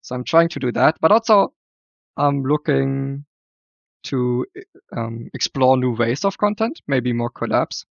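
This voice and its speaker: A man's voice: mid-range voice, expressive, measured pace, creaky, dry recording. Hesitant man, dull dry mic. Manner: hesitant, repeats words while finding them. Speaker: podcast guest, card game player. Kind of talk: casual chat.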